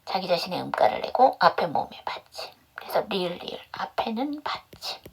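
A woman's voice: lowish voice, very animated, a little fast, creaky, breathy edge, whispered. A woman teaching English pronunciation in an online class, drilling step by step by asking questions and answering them herself. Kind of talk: online phonics lesson.

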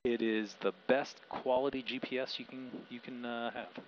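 A man's voice: mid-range voice, steady tone, moderate pace. A middle-aged man, a pilot and flight instructor, explaining procedures and making radio calls through an aviation headset. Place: small airplane cockpit. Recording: dull aircraft intercom, engine noise.

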